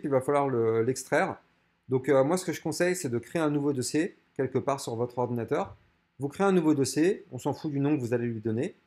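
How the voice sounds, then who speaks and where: A man's voice: fairly high pitch, a little mellow. A man hosting his own channel, giving an informal step-by-step tutorial over a screen recording. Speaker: channel host.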